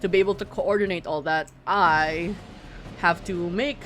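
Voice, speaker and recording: A woman from the Philippines with a middle-class Filipino English accent streams a game, chatting playfully and talkatively to viewers and often interrupting herself. Her lowish voice is a bit bright, with fairly even intonation and normal speed. Game music plays behind her, along with a little hiss or hum.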